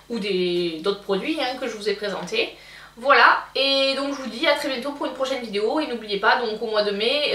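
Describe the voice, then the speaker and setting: Woman beauty vlogger, fairly high voice, hesitant and chatty, mic set back in an echoey room. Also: fairly bright tone, far from the mic. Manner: hesitant, many fillers and restarts. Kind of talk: casual product review.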